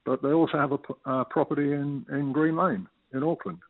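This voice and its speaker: This retired man from the United Kingdom, in his sixties, talks a little fast in a steady, somewhat high voice. He's a guest on a phone interview, explaining things evenly with occasional fillers, and the line sounds tinny but echo-free.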